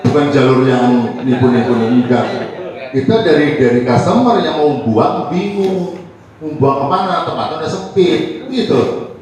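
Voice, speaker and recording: A man's voice: a little high, moderate pace. A man who works as an AC technician and trainer, chatting casually and giving advice, acting out his talks with customers as he goes. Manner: animated storyteller, acts out customer dialogue. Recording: echoey room, mic far off.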